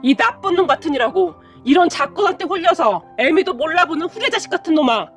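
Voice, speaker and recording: A woman voicing a scheming older mother-in-law who screeches drawn-out accusations in a story reading. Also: high voice, animated, fairly bright tone, soft background music. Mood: screeching.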